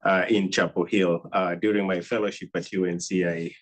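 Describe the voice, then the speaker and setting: A man in his thirties with a Kenyan accent, hoarse from a cold, introducing himself hesitantly to an audience as a physician. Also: low-pitched, flat delivery, normal speed. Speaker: oncology physician and faculty speaker. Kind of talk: informal self-introduction to an audience.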